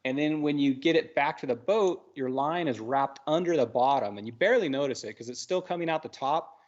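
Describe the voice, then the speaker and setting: A man co-hosting a live fishing talk show, chatty and instructive, his voice a little worn. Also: on the high side. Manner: chatty, instructive, quick asides. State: losing his voice. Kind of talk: casual live-stream chat. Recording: dull lo-fi stream audio.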